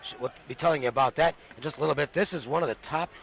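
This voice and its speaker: A man's voice: fairly high pitch, rapid-fire, creaky, a bit bright. A man giving conversational, folksy colour commentary on a live boxing match. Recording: noisy arena broadcast with crowd. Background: arena crowd and noise.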